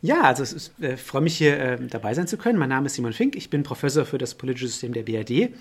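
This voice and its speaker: A man's voice: mid-range voice, big pitch swings, fast, breathy edge. A middle-aged man, a political science professor, answering interview questions and thinking aloud with many fillers and restarts.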